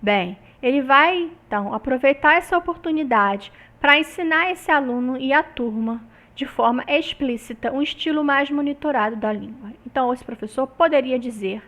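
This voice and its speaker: Brazilian woman lecturing, fairly high voice. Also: moderate pace, few pauses, fairly bright tone. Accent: Brazilian Portuguese. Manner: explanatory, many tag questions. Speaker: university lecturer. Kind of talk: recorded video lecture.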